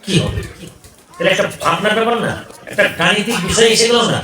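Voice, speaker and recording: A man preaching a Bhagavata sermon, telling the story with animated acted dialogue. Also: high voice, quick pace, a little hiss or hum. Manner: animated storytelling, voicing characters. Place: large gathering. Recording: echoey, distant, crowd behind.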